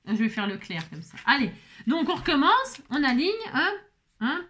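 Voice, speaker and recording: A woman's voice: sits high, sing-song, moderate pace, sharp tone. A middle-aged woman chatting casually through a crafting tutorial, rambling, restarting and stammering, with self-mocking asides. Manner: stutters and restarts often. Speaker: craft vlogger.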